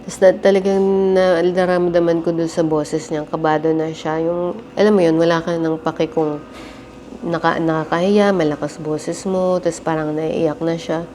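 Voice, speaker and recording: A woman's voice: low-pitched, flat delivery, normal speed, warm tone. Chatty woman vlogging on a noisy camera. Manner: chatty, keeps addressing viewers as guys. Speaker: family travel vlogger. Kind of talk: casual vlog narration to camera. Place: hotel laundry room and convenience store abroad. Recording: noisy handheld vlog audio.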